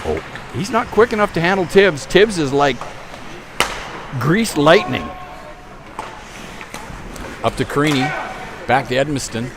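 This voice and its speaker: A man's voice: a little high, lively intonation. Man calling hockey over heavy noise. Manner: jokey, quick to follow the action. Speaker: hockey play-by-play commentator. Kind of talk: casual amateur play-by-play commentary.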